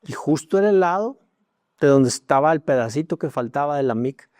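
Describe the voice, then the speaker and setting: A man preaching a sermon as pastor, telling a personal story with emotion, dropping to hushed tones and rising again. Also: fairly high pitch, expressive, fairly quick, dry recording, studio quality. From Mexico. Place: church.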